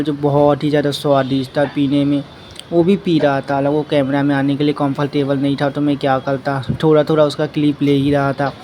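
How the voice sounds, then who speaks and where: A young man narrates his vlog. His voice sits a little high and stays flat, and he circles back over the same points. Faint traffic noise sits behind him. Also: low-quality recording. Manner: plain retelling in a loose, repetitive way. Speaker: vlogger.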